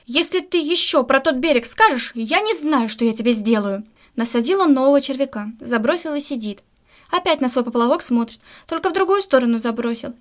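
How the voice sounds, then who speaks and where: A woman reading a children's story aloud in a lively, expressive first-person narration. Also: high-pitched.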